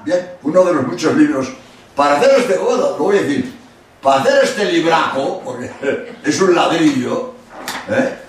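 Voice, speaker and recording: With a Spain Spanish accent and a voice on the high side, an older priest delivers a lively religious lecture, performing quotes and making emphatic asides. The recording comes from far off in an echoey hall and has faint noise.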